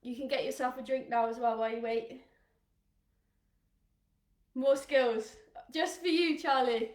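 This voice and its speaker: A woman's voice: sits high, fairly even intonation, measured pace, reverberant. A woman from England coaching young children through a live online rugby skills session, upbeat and encouraging, counting down drills and sometimes out of breath. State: out of breath at times.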